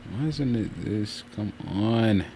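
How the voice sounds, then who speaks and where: A streamer hosting his channel chats casually on a livestream from a room at home, rambling and frequently circling back to repeat himself. His voice is on the low side and slow, and a fan runs steadily and clearly in the background.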